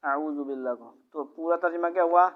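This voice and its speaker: A woman with a Pakistani Urdu accent teaching a child Quran recitation, drilling syllables slowly and correcting pronunciation. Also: low voice, steady tone. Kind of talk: one-on-one recitation lesson. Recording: muffled lo-fi recording.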